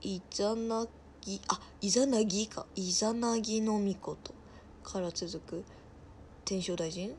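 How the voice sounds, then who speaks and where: A woman in her twenties with a Nagasaki dialect, chatting casually on a livestream and reading viewers' comments aloud, often trailing off into soft mutters. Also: medium pitch, a little slow, slight background noise. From Nagasaki, Japan. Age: 20s. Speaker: livestream host.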